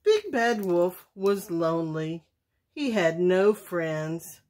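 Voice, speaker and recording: Slow, expressive woman reading a bedtime story. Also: lowish voice. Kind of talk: bedtime story read-aloud.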